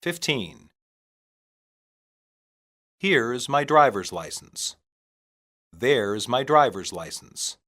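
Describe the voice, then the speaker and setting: Here a man reads practice phrases for English learners as part of a scripted lesson. He speaks at mid pitch with animated intonation, breaking his delivery into deliberate, separate phrases.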